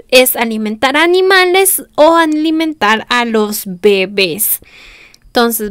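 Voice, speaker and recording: High-voiced Costa Rican woman teaching. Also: a bit bright, no room sound, studio quality. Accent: Costa Rican Spanish. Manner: spells out foreign words slowly and repeats them twice; friendly, explanatory, checks in with "¿verdad?". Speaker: language teacher. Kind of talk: video lesson teaching vocabulary.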